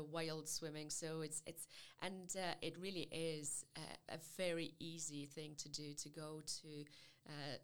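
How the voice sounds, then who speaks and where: This woman, a psychology lecturer from Poland, has a low-pitched, clear and resonant voice with a Polish accent. Interviewed about university study, she speaks carefully and pauses in hesitation frequently.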